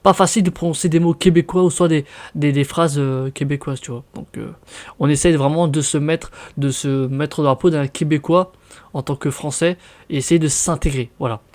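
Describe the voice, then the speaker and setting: A man's voice: a little high, steady tone, normal speed, a little mellow. A young man from France with a French accent, chatting casually in a vlog, reading out words and reacting with surprise. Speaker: vlogger.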